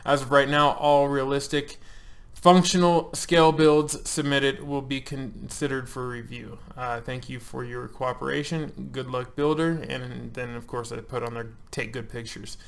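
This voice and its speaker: A chatty channel host in his thirties walks through a form in a casual screen-share, joking loosely and saying um and uh often. His medium-pitched, gravelly voice is fairly even and a little slow.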